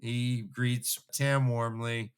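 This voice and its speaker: A podcast co-host on a comic book discussion show speaks emphatically in a mock-scholarly manner, repeating himself for effect. His mid-range voice is smooth and level in tone, with drawn-out words.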